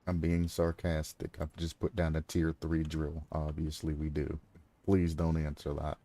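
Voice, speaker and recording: A man talking through his gameplay on a live stream, thinking aloud and throwing sarcastic asides at chat, clearing his throat now and then. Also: a bass voice, completely flat delivery, normal speed, mellow. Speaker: game streamer. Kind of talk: casual gameplay commentary.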